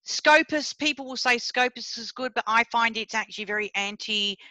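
A middle-aged woman professor from Sri Lanka leads a seminar over a video call, speaking bluntly and chattily straight to her listeners in an informal academic talk. Her voice is on the high side and sharp, at a moderate pace. The audio is poor, though without echo.

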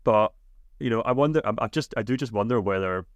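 A man's voice: on the low side, fast talker, no echo. A man with a broad Scottish accent hosting a casual football podcast. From Scotland. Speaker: podcast host.

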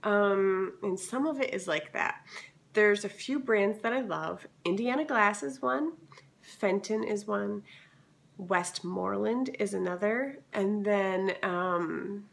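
A woman vlogger talks slowly at a medium pitch, her voice creaky and scratchy. She chats enthusiastically through a haul video, full of fillers.

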